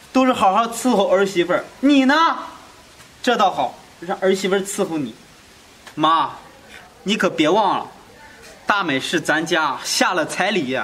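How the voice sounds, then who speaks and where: A man's voice: high-pitched, bright, forceful tone, a little hiss or hum. An actor playing an earnest young husband who pleads with his wife and reproaches his mother, repeating his questions. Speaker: husband returning from work away.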